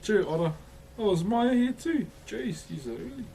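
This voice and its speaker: A man with a broad Kiwi accent talks casually to his livestream viewers. His voice sits a little high, and his manner is laid-back and chummy, full of matey slang. There is clear noise behind him. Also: animated, moderate pace, warm tone. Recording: noticeable background noise.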